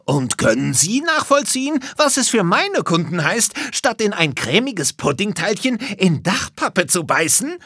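A man voicing an indignant male pastry baker who yells shrilly at a neighbor. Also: sing-song, measured pace, hardly any pauses, slightly rough, no echo, studio quality, exaggerated voice. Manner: shrill, yelling.

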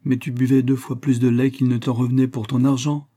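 A man's voice: mid-range voice, flat delivery, fairly quick, warm tone, close to an everyday voice. A man voicing a young woman in love, reading her lines with impassioned, breathless devotion in an audiobook. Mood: ardent.

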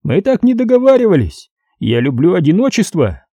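A man voicing a cold, menacing male hitman who threatens quietly over the phone in an audiobook. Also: high-pitched, big pitch swings, normal speed, dry recording, voice pushed up, full character voice.

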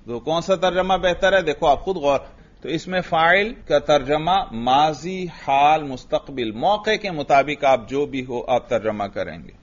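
A man's voice: fairly high pitch, expressive, highs cut off. A man teaching a grammar class, patiently questioning students and praising their answers.

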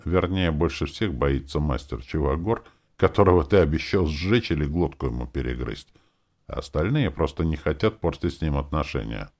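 A man's voice: very deep voice, animated, normal speed, a little mellow, exaggerated voice. A man voicing a crude, offhand male elf spirit companion.

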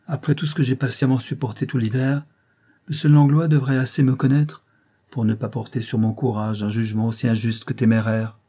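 A man's voice: medium pitch, fairly even intonation, a little fast, mellow, natural voice. A man reading a novel aloud and voicing a proud, strong-willed young actress who speaks curtly and with command. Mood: defiant. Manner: curt, commanding, defiant.

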